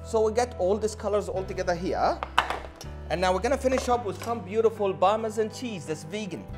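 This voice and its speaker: A brisk, high voice rides over music as a chef in his thirties presents his cooking show. He's on a lapel mic in a modern indoor studio kitchen. Enthusiastic and showy, he plays the showman for his audience.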